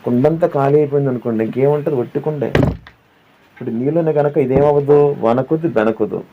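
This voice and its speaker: A man's voice: medium pitch, fairly quick, a little hiss or hum. A man pastor preaching a sermon who asks the listeners questions, repeats his phrases and sings hymn lines. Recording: dull lo-fi audio with faint background.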